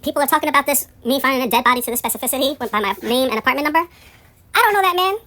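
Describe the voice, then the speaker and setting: A woman telling a rambling story in a casual monologue, profane and indignant, her voice climbing high and loud when outraged. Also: racing.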